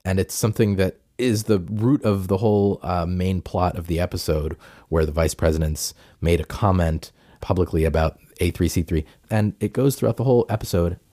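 A man's voice: low voice, normal speed, mellow, no room sound, clean studio sound. A man chatting casually as a podcast host being interviewed.

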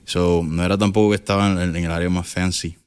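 A fairly low-pitched man in his thirties with a Puerto Rican accent speaks as an interview guest. He talks casually and frankly, slips English words in and restarts his sentences. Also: little pitch movement, fairly quick, clear, resonant tone. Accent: Puerto Rican Spanish. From Puerto Rico. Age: 30s. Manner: mixes English words, many restarts and fillers. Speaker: guest entrepreneur.

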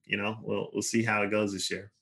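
Bright-voiced young man telling stories. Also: fairly low pitch, gravelly. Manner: lively anecdotes, quick asides and laughs. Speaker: guest, touring basketball player. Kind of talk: casual interview storytelling.

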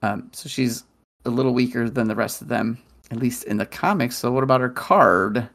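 A man's voice: mid-range voice, normal speed, creaky, a bit bright. A man co-hosting a podcast in casual chat, dryly reading out card details. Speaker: podcast co-host.

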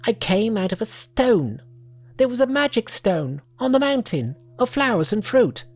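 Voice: mid-range voice, sing-song, a little slow, pitched above the performer's own voice. A storyteller voicing an eager, humble male monkey who has come to study immortality, earnest and polite.

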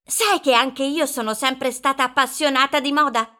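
A woman voicing a cheerful, expressive young girl hero in a children's cartoon audio story. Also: sits high, moderate pace. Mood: thoughtful, eager. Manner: bubbly, expressive. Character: Nix, cheerful young girl hero who loves fashion. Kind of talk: children's cartoon podcast acting.

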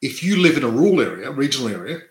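A man's voice: medium pitch, big pitch swings, rapid-fire, reverberant, rough recording. A man from Adelaide, whose first language was not English, co-hosting a casual podcast chat and often tagging his points with "right?". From Australia (Adelaide). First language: not English; parents were immigrants. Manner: chatty, tags statements with "right?", many restarts. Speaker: podcast co-host, real estate investor.

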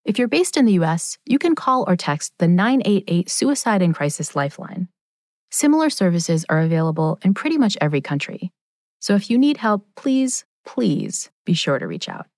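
Animated woman narrating as podcast host. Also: on the low side, normal speed, no room sound. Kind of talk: scripted narration.

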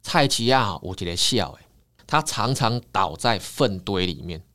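A man voicing a stern, weary male Taoist priest in a low, hushed way. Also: lively intonation, a little slow. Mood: grave.

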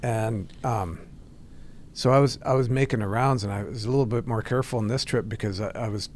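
A man with a lowish voice speaks as a guest in an easygoing conversation, walking through details step by step. A faint rumble sits under the recording. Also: fairly quick, darkish tone. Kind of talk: casual chat.

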